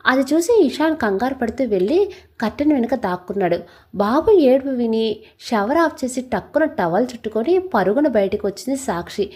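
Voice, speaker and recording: A woman narrating a scripted story in a steady, even reading. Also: on the high side, slightly rough.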